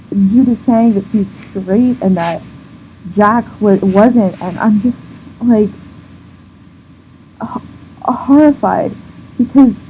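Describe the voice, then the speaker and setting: A woman vlogger in an emotional rant to camera, indignant and near tears, swearing and restarting her sentences. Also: mid-range voice. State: on the verge of tears. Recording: dull lo-fi sound with faint background noise.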